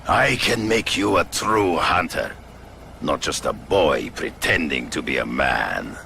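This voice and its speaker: An actor playing a proud, menacing Russian hunter with a Russian accent, imposing and condescending, in a video game. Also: male voice, extremely low pitch, animated, takes it slowly, vocal fry, pushed and bright, slight background noise, exaggerated voice.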